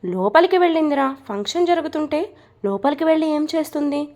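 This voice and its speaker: A woman's voice: high voice, lively intonation, quick pace, darkish tone. A woman voicing a nosy old grandmother who teases and nags her grandson. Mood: teasing. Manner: nagging, teasing.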